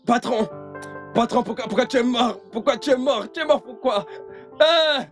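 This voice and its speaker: A man voicing a bumbling, excitable male house servant in a dubbed film, flustered and giggly by turns, given to loud wailing. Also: high voice, moderate pace, faint music behind, lightly acted.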